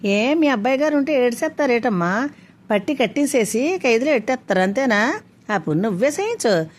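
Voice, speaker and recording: A woman's voice: fairly high pitch, animated, brisk, voice pushed up. A woman voicing a poor, outspoken village woman who talks back in a defiant, rustic way.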